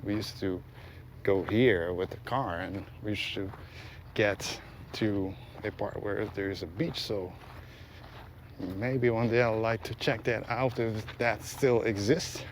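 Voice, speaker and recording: A man's voice: on the low side, steady tone, takes it slowly. A man giving casual, rambling commentary as he hosts a walking vlog outdoors. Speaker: vlog host. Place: outdoors, walking along a road. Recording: faint outdoor ambient and vehicle noise. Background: faint ambience, vehicles.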